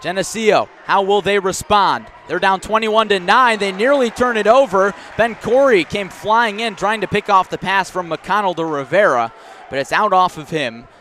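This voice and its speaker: A man announces basketball on live radio in a fairly high, bright, forceful voice at normal speed. The call is clipped and running, rising on big plays, while faint gym noise and bouncing balls sound in the background.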